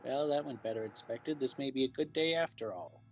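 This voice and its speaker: A man's voice: medium pitch, fairly quick. A man streaming a game, reading its story text aloud and cooing at the cats on screen. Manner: coos and talks baby-talk to the cats. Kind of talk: reading a visual novel aloud with banter. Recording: dull lo-fi with faint music.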